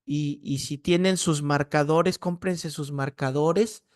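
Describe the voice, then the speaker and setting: Male Bible teacher, Mexican Spanish accent, animated classroom lecturer who keeps checking in with his students, raised pitch. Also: takes it slowly, dry recording, clean studio sound. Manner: lively storyteller, rhetorical "¿no?" tags.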